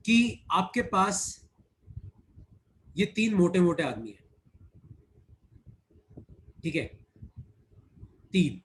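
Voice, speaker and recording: A man's voice: sits high, a bit bright. A man teaching physics in an online class, explaining step by step, repeating key points and teasing his students.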